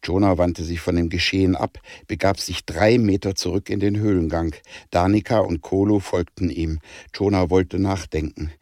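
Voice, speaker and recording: A man narrating an audiobook in a calm, measured way. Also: low-pitched, no room sound, studio quality.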